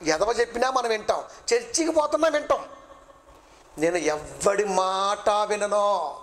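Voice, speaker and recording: A man preaches in a very high voice. He talks bluntly and colloquially and keeps throwing rhetorical questions at his listeners. A faint noise runs under the recording. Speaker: preacher and bible college director. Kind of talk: sermon.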